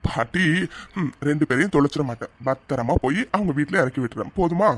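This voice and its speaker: A man's voice: fairly high pitch, animated, fast. A man voicing an easygoing young grandson in a cartoon. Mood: bantering.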